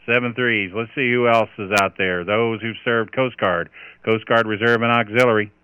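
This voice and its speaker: A man's voice: lowish voice, fairly even intonation, normal speed, noisy background. A man running an amateur radio net in marine radio style, chatting with procedural call signs over a two-way radio. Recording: dull, band-limited radio audio.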